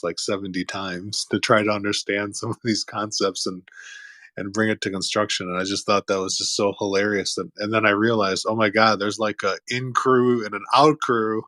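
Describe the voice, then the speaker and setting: A man's voice: lowish voice, sharp tone, no echo. A man hosting a casual online chat, talking enthusiastically and laughing easily. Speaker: host. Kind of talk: casual chat on an audio room.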